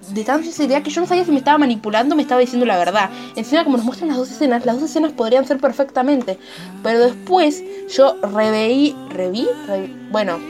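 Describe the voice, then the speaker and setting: Excited Argentine woman recapping a show. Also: a little high. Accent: Argentine Spanish. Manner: excited, animated retelling with sound effects. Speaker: series reviewer. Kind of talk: casual recap and commentary.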